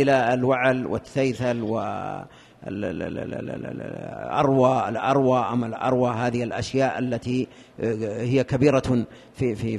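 A man explaining a legal text in a lesson, with a halting manner, repeating words as he searches for terms. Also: medium pitch, vocal fry, darkish tone. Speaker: teacher explaining a fiqh text. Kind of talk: lesson commentary. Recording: long reverb of a hall.

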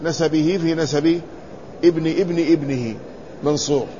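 A man with a somewhat high voice gives a traditional lesson. He reads a text aloud, stops to explain it, and asks his listeners questions. The recording is dull and lo-fi, with a faint hiss behind him. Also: fairly even intonation, normal speed, mellow. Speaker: teacher reading and explaining a classical text.

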